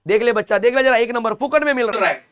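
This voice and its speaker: Very high-pitched, fast, and a touch bright, a man teaches chemistry during a livestreamed class, joking around and calling his students kids. The sound from his desk microphone comes across distant with some echo.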